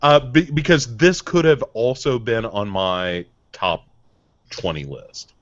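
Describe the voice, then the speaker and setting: Male co-host, relaxed and profane, dry and slightly dull recording. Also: mid-range voice, takes it slowly, no room sound. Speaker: podcast co-host. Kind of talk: casual chat.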